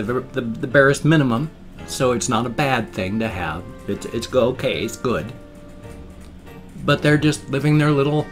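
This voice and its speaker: A man chatting casually and ramblingly to a webcam at home, slightly slurring his words around loose, ill-fitting dentures. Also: medium pitch. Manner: rambling, repeats and rephrases himself. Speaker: vlogger showing pet hamsters. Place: indoors, a room at home. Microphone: webcam setup.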